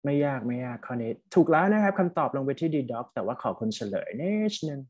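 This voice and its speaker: A man's voice: mid-range voice, animated, a little fast, darkish tone. A male university lecturer teaching an online test-prep class, chatty and encouraging, switching between two languages mid-sentence. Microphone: computer mic on an online video class.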